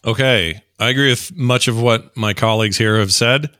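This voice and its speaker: A man giving a measured, deliberate critique as a judge on a podcast contest. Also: medium pitch, sharp tone, dry recording, studio quality. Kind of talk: casual critique.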